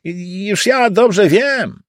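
A man reading an audiobook voices a brash, bigoted cab driver who talks bluntly and loudly. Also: high-pitched, lively intonation, very slow, no echo, clean studio sound, voice pushed up, full character voice. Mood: scornful. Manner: blunt, loud, rough-spoken.

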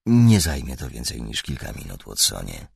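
A man voicing a calm and shrewd male detective who speaks in a soft, measured, dry way. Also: rumbling low, creaky, slightly rough, no room sound, voice pushed down, full character voice.

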